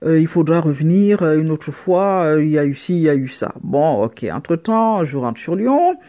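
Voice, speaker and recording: A middle-aged woman giving a casual spoken account, animated, with frequent restarts, slipping into other people's voices with sudden pitch jumps. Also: normal speed. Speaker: storyteller recounting a personal experience.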